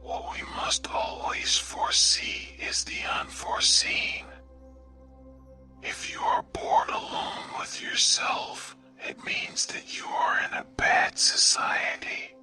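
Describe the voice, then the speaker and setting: A man reading short sayings in a hushed, breathy ASMR whisper, deliberate and measured. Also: a bass voice, little pitch movement, over music. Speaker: narrator reading quotations.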